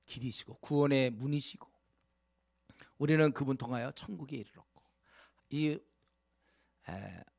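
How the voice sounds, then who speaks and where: A man's voice: medium pitch, vocal fry, a little mellow, no echo, studio quality. A male pastor preaching a sermon, earnestly urging his congregation, with frequent fillers and direct questions to the listeners.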